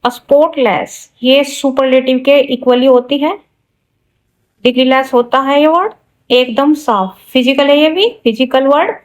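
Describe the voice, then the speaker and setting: A woman teaching English vocabulary, speaking slowly and deliberately through each example, with casual asides to the listener. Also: high-pitched, low-quality recording. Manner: slow and deliberate, spelling out examples word by word. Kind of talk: explaining a vocabulary lesson.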